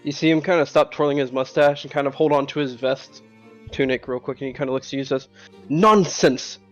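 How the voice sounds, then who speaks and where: A man's voice: medium pitch, level tone, quick pace, muffled recording, faint music behind. A man narrating a tabletop fantasy game as game master in a casual, loosely improvised way. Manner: casual, frequent "kind of" and "like".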